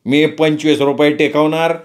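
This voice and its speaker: A man's voice: on the high side, steady tone, moderate pace, lightly acted. Brief: male reader as greedy young eater, blunt and insistent. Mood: demanding. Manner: blunt, demanding.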